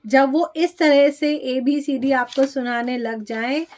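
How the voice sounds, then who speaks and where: A woman's voice: high voice, darkish tone. A woman teaching phonics to parents of young children, carefully sounding out each letter. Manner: slow, drawn-out demonstration of letter sounds. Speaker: pre-primary teacher.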